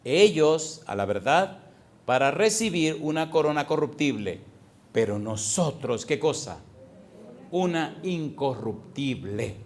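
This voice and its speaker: A male pastor preaching a fervent sermon, swinging between loud and soft and asking the congregation repeated questions. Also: a little high, sing-song, takes it slowly.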